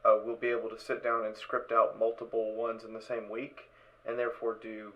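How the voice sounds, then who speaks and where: A man with a lowish, monotone, bright, forceful voice speaks briskly while hosting an online dramatic reading. In a casual post-show livestream chat, he makes rambling, somewhat hesitant announcements to the group over a muffled, noisy voice-chat stream.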